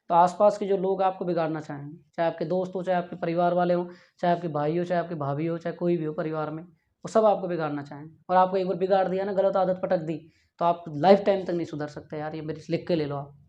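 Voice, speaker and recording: A male physics teacher speaks quickly in a high, dark-toned voice with fairly even intonation. Lecturing and earnestly pleading with his students, he often asks if they follow and says "yaar". The recording is dull and lo-fi, from a classroom with a board.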